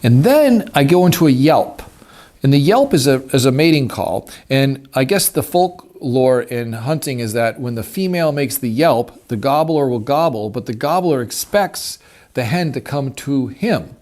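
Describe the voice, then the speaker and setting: A hunting instructor demonstrates a turkey call at a wooden table, explaining the technique in a relaxed, folksy way like an easygoing teacher. His medium-pitched voice is animated and a little mellow, at normal speed. The clear recording carries background noise and the clicking of the call.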